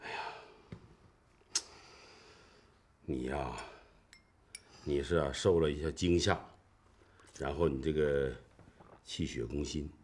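A man's voice: extremely low pitch, steady tone, unhurried, a little mellow. An older actor playing a kindly old man who coaxes and fusses over a sick young woman in a TV drama. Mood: soothing. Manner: coaxing, fussing, repeats himself. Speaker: elderly caretaker. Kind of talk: TV drama acting.

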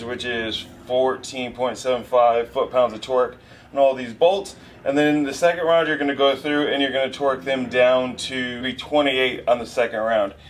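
A man's voice: medium pitch, a bit bright. A man in his thirties talks through his engine work in a home garage, loose and easygoing, explaining each step as he goes. His voice sits in a middle range and is picked up by the camera mic. A faint hiss and tool clicks run behind him. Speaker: garage mechanic host. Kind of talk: casual how-to narration.

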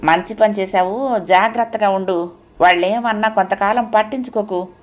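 A woman voicing a caring elderly grandmother who speaks gently and reassures her granddaughter. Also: medium pitch, normal speed, lightly acted.

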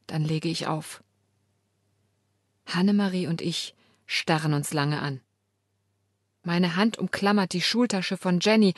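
A woman's voice: medium pitch, no room sound, studio quality. Emotional woman audiobook narrator. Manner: emotional, dramatic reading. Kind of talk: first-person audiobook narration.

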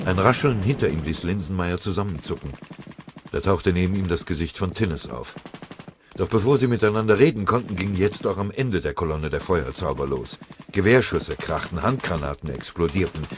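A man with a very deep, low voice narrates a war audiobook. His reading is steady and dramatic. Faint gunfire sound effects play in the background. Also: noisy background. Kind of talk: scripted narration.

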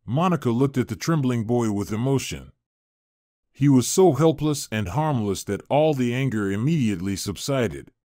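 A man narrating a dramatic story in a smooth, expressive reading style. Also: mid-range voice, normal speed, no room sound, studio quality.

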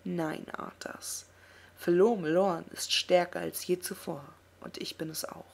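A woman reading aloud and voicing a proud, vengeful male elf prince mage in a taunting, defiant way, in a husky voice. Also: on the low side, fairly even intonation, normal speed. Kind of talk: audiobook reading.

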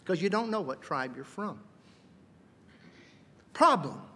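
A man giving a seminary lecture in a lively, joking way, sometimes acting out voices. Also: sits high, slow, breathy edge. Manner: lively, jokey, acts out voices. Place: lecture hall. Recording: reverberant lecture hall.

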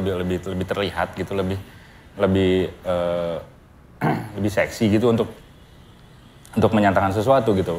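A man answering in a documentary interview, halting and repeating words as he searches for the right one. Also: lowish voice, slight background noise.

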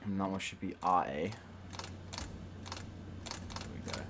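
A man's voice: low-pitched, a little slow, noisy background. A young man giving let's play commentary on a desktop mic, swearing a lot with jittery nervous laughter. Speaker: gamer.

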